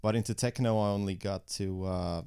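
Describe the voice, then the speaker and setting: A man's voice: lowish voice, fairly even intonation, a little fast, vocal fry, mellow, clean tone. A man in his late twenties from Slovakia, speaking English as a second language, chatting casually as a DJ guest with many "you know" fillers. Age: late 20s. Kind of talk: casual podcast interview.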